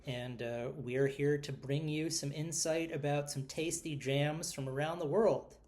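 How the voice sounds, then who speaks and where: A man's voice: on the high side, fairly even intonation, a little slow, darkish tone. A middle-aged man with a New York accent co-hosting a casual podcast, rambling and self-deprecating, full of fillers. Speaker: podcast co-host.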